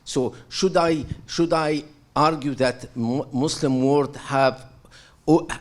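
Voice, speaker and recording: A middle-aged Syrian man in the audience asks a halting question from the floor, earnest but hesitant, with many fillers and restarts. His voice is fairly high and steady, and he speaks slowly.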